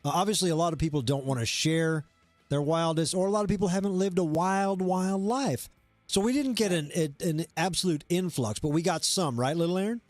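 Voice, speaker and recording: A man hosting a live stream, chatting casually with playful, drawn-out hype calls. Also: fairly high pitch, no room sound, faint music behind. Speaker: show host.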